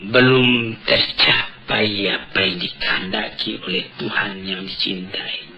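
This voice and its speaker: A man with a low, gravelly voice preaches slowly and deliberately, driving points home with rhetorical questions. It sounds like an old cassette tape recording, with clear music behind him. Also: pushed and bright. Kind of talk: sermon.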